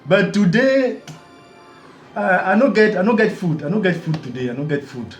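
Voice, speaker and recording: A man voicing a hungry, easygoing young man, halting and repetitive. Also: high voice, very animated, roomy sound, soft background music. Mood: plaintive.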